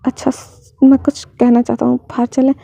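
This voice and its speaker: A woman voicing a protective older brother who talks softly and haltingly while hiding his grief. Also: a little high, monotone, gravelly, dry recording. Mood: gentle. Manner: soft, halting, choked.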